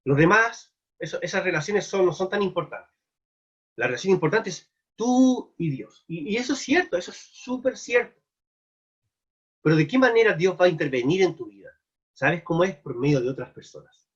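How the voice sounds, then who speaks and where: Earnest Chilean preacher, husky voice. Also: male voice, high-pitched, animated, moderate pace. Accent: Chilean Spanish. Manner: earnest, asks many searching questions. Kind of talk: sermon. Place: live virtual church meeting. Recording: dull lo-fi online meeting audio.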